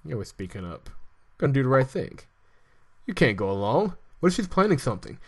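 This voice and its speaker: A man's voice: medium pitch, sing-song, a little fast, slightly rough. A man reading the lines of a sarcastic young woman in a game, in his own everyday voice.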